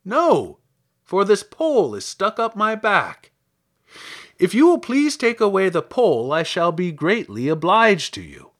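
A friendly straw-stuffed scarecrow from a storybook, acted out by a male reader, husky and high, with a lilt that leaps up and down. He talks politely and earnestly, a naive soul leaning hard on his words. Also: huge pitch swings, measured pace, fairly bright tone, exaggerated voice. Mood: weary, polite.

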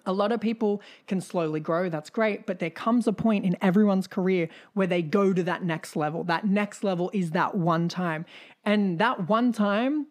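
A woman's voice: medium pitch, moderate pace, a little mellow. A woman co-hosting a casual podcast chat, talking in an earnest, emphatic, motivational way with casual swearing. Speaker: podcast co-host.

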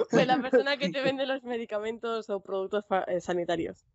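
A woman's voice: a little high, lo-fi sound, over a noisy crowd. A young woman from Spain with a Spanish accent, chatting casually as a streamer guest. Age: young adult. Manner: quick chatty talk with frequent "en plan" and "sabes". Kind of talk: casual podcast chat.

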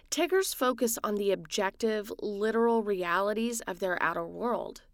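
Woman reading a scripted explainer, steady, dead dry sound. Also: medium pitch, no room sound. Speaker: narrator. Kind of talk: scripted narration.

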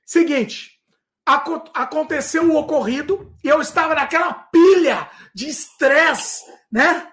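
A man hosting a casual podcast, telling stories in an animated way with frequent restarts. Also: very high voice, unhurried. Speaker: podcast host.

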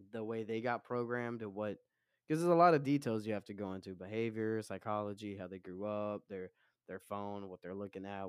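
A man with a deep, low, masculine voice and a laid-back stoner drawl, talking candidly as an interview guest. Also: clear, resonant tone, no echo, studio quality. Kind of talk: candid personal conversation.

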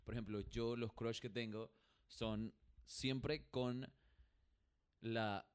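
A man, co-hosting a casual chat and telling a lively personal story, laughing often and dropping English slang. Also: medium pitch, takes it slowly, clean tone. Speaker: podcast co-host.

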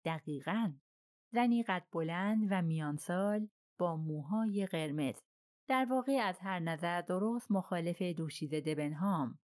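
A woman voicing a shrewd, self-assured older male detective, soft and persuasive, in an audiobook. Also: on the low side, close to an everyday voice. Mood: explaining.

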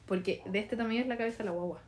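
A woman's voice: medium pitch, racing, darkish tone, slight background noise. A young woman with a Chilean accent, telling her own story in casual chat and acting out what people said to her.

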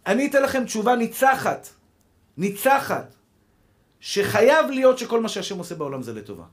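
Man, rabbi, sermon, high-pitched voice, impassioned, repeats phrases, calls the listeners brothers. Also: big pitch swings. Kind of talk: Torah sermon to a congregation.

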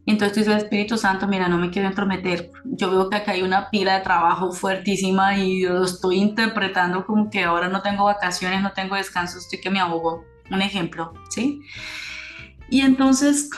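A woman's voice: mid-range voice, fairly even intonation, fairly quick, faint music behind. Woman teaching, echoey room. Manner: thoughtful, often ends points with tag questions. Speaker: spiritual teacher. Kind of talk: conversational spiritual teaching. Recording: roomy echoey sound.

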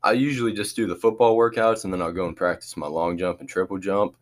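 Deep-voiced teenage boy athlete. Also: steady tone, fast talker. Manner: easygoing, hesitant with many restarts. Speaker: student athlete. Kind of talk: casual interview answers.

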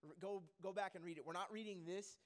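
A man with a high voice preaching a sermon to his congregation. He keeps it lively and joking, wandering off with fillers and restarts before he gets back on track. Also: fast talker.

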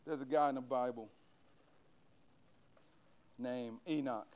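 A man's voice: mid-range voice, steady tone, slow, a little mellow. A man preaching a sermon at a church service, emphatic and repetitive as he addresses the congregation. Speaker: pastor.

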